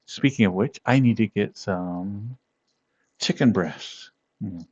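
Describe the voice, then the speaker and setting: A man talks slowly and easily to his stream audience, laughing a lot and saying hello to viewers by name. His voice sits a little low. The sound is dull and lo-fi. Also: husky. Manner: relaxed, meandering, with fillers and pauses. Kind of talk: casual chat with live viewers.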